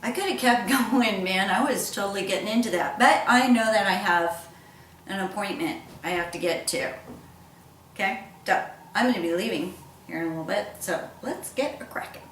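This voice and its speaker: A woman's voice: medium pitch, normal speed, fairly bright tone. A woman hosting a casual recipe demonstration, rambling playfully to viewers with theatrical exclamations. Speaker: cooking show host. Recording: echoey room, distant mic, background noise.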